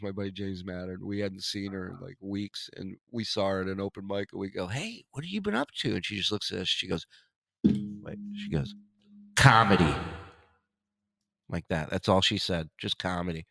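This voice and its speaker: A man's voice: sits low, level tone, a little fast, gravelly, few pauses, fairly bright tone, no room sound. A man hosting a podcast in casual chat, joking and swearing freely. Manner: joking, profane banter. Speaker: podcast host.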